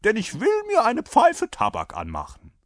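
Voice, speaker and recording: A man voicing a brash, unflappable Prussian cavalryman in a dramatic story reading, with a high, strained, shouted bellow. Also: huge pitch swings, moderate pace, no echo, clean studio sound. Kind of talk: dramatic reading of a classic anecdote.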